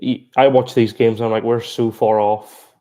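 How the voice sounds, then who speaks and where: A man giving chatty, excitable live reaction commentary on a rugby match, breaking into exclamations. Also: medium pitch, normal speed. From Ireland. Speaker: sports reaction streamer.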